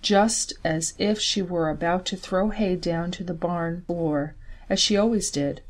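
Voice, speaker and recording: A woman reading a story aloud in a measured way, slowing on key details. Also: fairly low pitch. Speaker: story reader. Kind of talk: scripted story narration.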